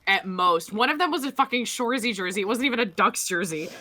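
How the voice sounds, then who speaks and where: A young woman with a mid-range voice talks at a quick pace as a co-host of a casual podcast. She rambles through stories in an animated way, packed with fillers and restarts, in a relaxed chat.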